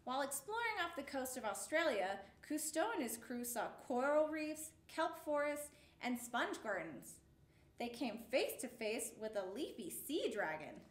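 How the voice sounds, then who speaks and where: This storyteller, a woman with a high voice, reads a picture book to young listeners. The room is large and echoey, and her delivery is deliberate and full of expression, suited to storytime.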